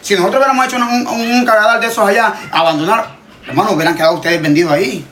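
A Honduran man with a high voice rants in a casual, heated way, hammering his points through repetition and swearing without restraint. He sounds like a social media creator talking straight to his followers, with a faint hum of noise behind him. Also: very fast, a bit bright. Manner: emphatic, repetitive, swears freely. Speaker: TikTok creator.

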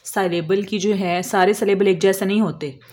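A woman explaining a lesson as an English teacher, slowly drawing out example words and answering her own questions. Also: mid-range voice, fairly even intonation, a little mellow. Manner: asks questions and answers them herself.

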